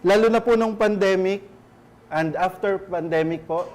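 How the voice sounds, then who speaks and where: A man's voice: high voice, measured pace, a little mellow. A man with a Filipino accent preaching a conversational church sermon, often checking in with rhetorical questions. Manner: chatty, keeps asking rhetorical tag questions.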